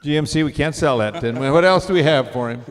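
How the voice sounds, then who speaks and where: A man's voice: fairly high pitch, brisk. A man hosting a live auction, announcing items and interviewing people like a folksy showman. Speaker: auction host interviewing students. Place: large hall at a live auction. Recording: reverberant hall sound.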